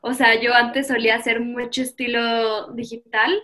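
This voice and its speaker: Bright-voiced young Mexican woman. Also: fairly high pitch, level tone, normal speed. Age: 20s. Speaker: podcast guest, visual artist. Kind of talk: casual interview conversation.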